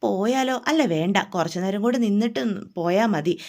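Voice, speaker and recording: A woman's voice: medium pitch, expressive, normal speed, darkish tone, pitched below the performer's own voice, lightly acted. A woman voicing a determined young woman who waits impatiently at a door and then boldly walks in.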